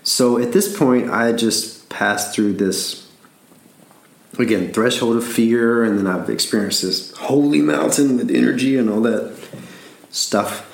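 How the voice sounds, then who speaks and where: A man's voice: medium pitch, measured pace, vocal fry, reverberant. A man from Alabama with a Southern accent, rambling through a casual story with frequent laughs and repeated words.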